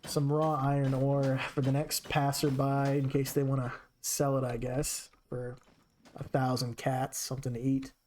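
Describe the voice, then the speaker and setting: A man's voice: medium pitch, completely flat delivery, a little slow, a little mellow, slight background noise. A man streaming a game with casual commentary, chatting to his characters as he plays.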